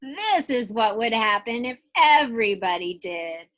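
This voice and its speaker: Reading a picture book to young children, a woman teacher stretches her phrases out with expression and puts questions straight to them. She speaks a little slowly, with an expressive, fairly bright voice on the high side.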